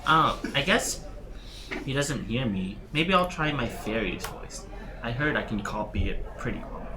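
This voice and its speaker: A man's voice: medium pitch, lively intonation, measured pace, sharp tone, a little hiss or hum. A man chatting casually as a player at a tabletop game.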